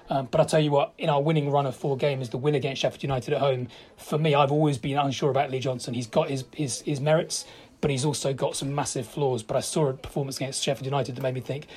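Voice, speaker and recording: Man, 30s, from Portugal, husky, rapid, rambling football fan guest. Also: mid-range voice, darkish tone. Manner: chatty, rambling fan opinions. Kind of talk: casual phone-in chat.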